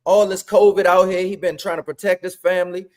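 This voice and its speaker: A man talking on a podcast, animated and profane, repeating phrases for emphasis. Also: high voice, a little fast. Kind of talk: casual podcast chat.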